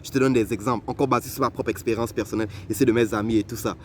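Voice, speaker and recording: A young man from Africa telling personal stories to the listener in a lively, conversational way. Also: mid-range voice, racing, a little hiss or hum. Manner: animated, conversational, addresses the listener directly. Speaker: vlogger. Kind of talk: personal storytelling.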